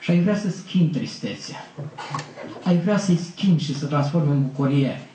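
A man preaching an Easter sermon as pastor, building to emphatic high peaks and slowing on key phrases. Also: expressive, warm tone, echoey room, low-quality recording.

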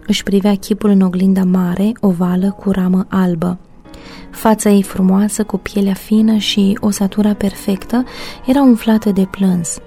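A woman narrating a first-person story in a measured, reflective way. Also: mid-range voice, flat delivery, dark tone, soft background music.

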